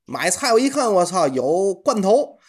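A man's voice: high-pitched, very animated, normal speed, slightly rough. A man with a Tianjin accent chatting casually and comically as a podcast co-host, in earthy colloquial speech with some mild swearing. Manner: colloquial, mildly profane.

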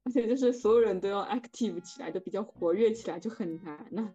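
A woman's voice: mid-range voice, fast talker, warm tone, breathy edge. A young adult woman in casual conversation. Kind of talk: casual chat. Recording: dull lo-fi sound, music behind. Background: music.

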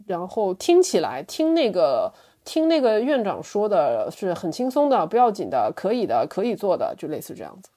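A woman chatting casually as an interview guest, telling anecdotes in an animated way. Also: medium pitch, normal speed. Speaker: podcast guest, language teacher.

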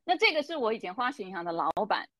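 A woman's voice: medium pitch, very animated, very fast, bright, forceful tone, dry recording. A woman, co-hosting a casual coaching talk and earnestly sharing her ideas. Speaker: coach, podcast co-host. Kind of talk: casual conversation.

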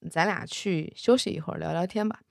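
Woman reading a teasing phoenix god father, soft, confiding, lowish voice. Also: a little fast, vocal fry, no room sound, clean studio sound.

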